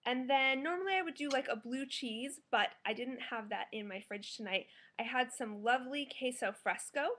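A woman's voice: sits high, moderate pace, hardly any pauses, a bit bright. A woman in her thirties giving a casual, enthusiastic food review to camera at home as a food blogger. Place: small living room at home, indoors.

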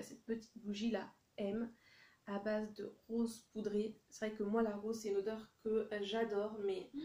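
In a casual haul vlog, a French-speaking woman chats hesitantly, filling her speech with lots of fillers as she shows what she bought. Her medium-pitched voice sounds warm in an echoey room, and she reads English product names with a deliberately French accent.

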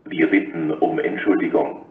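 A man reads a flat, formal, segmented scripted platform announcement as a railway station announcer. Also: a bass voice, normal speed. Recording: echoey, distant, dull station loudspeaker with noise.

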